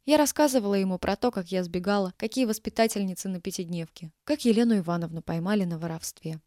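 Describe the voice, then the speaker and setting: A woman narrates an audiobook in an even, measured manner. Her voice sits at a middle pitch. The recording is dry and close. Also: dry recording. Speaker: audiobook reader.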